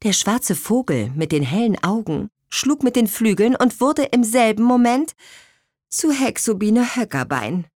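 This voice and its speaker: A woman narrating a children's storybook in an expressive, unhurried way. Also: on the high side, no room sound, clean studio sound.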